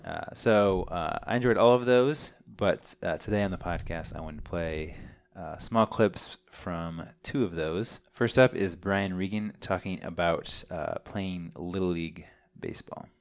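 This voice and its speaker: A man with a deep, low voice co-hosting a casual podcast. He talks in a relaxed way, hesitating now and then as he gathers his thoughts. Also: a little slow, few pauses. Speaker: podcast co-host.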